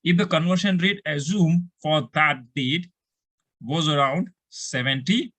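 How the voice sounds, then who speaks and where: A man with an Indian accent teaches accounting step by step in a fairly high, somewhat bright voice, speaking a little slowly. He poses questions, answers them himself, and repeats points often.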